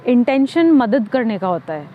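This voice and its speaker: A woman from India talks things through on a podcast, thoughtful and unhurried, her voice a little high. She pauses often on filler sounds and drops English words into her speech. The audio is somewhat dull and lo-fi. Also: very animated, a little hiss or hum. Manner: reflective, many "अ" fillers, mixes English words. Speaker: podcast co-host. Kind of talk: conversational podcast talk.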